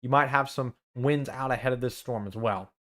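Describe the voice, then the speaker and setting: A man's voice: medium pitch, moderate pace, a bit bright. A young man, a student meteorologist, giving live severe weather coverage, listing towns and arrival times with urgent warnings and some self-corrections.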